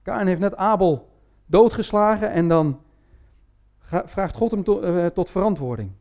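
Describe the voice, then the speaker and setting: A man's voice: high-pitched, measured pace, lo-fi sound. A man preaching a sermon in a church, talking in a conversational way with frequent tag words and restarts. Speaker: pastor.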